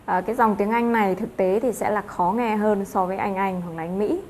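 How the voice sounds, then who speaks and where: A woman's voice: mid-range voice, steady tone, fairly quick, a little mellow, slight background noise. A woman teaching an English lesson, explaining step by step with frequent filler sounds.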